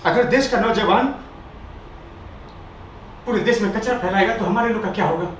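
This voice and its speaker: A man's voice: high voice, moderate pace, a little hiss or hum, voice pushed up, lightly acted. A man doing a teary drunk preacher pleading. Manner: pleading, repeating his friend's name. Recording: echoey room, mic far off.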